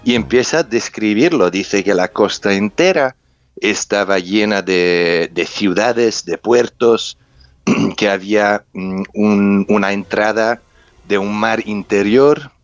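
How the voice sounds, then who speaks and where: A man's voice: lowish voice, slow, no room sound. A man, a native English speaker with a foreign accent, telling his story as an interview guest, searching for words and repeating for emphasis. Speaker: interview guest, underwater explorer and researcher. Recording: muffled sound with music behind.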